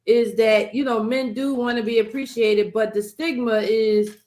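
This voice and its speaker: A woman's voice: a little high, steady tone, normal speed, a little mellow. A woman hosting a podcast discussion, earnest and emphatic as she leads the talk.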